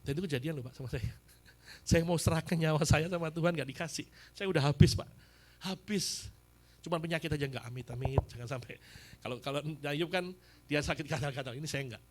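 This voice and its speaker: A middle-aged man testifies at a church service. His voice sits somewhat high for a man. He tells his story with feeling and speaks directly to the congregation. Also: fairly quick, a little hiss or hum. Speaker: evangelist preacher. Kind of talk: testimony sermon.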